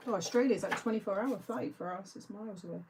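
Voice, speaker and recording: A woman's voice: medium pitch, fast, very noisy. A woman hosting a live craft-along, chatting casually and answering viewer comments as she works. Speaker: craft show host.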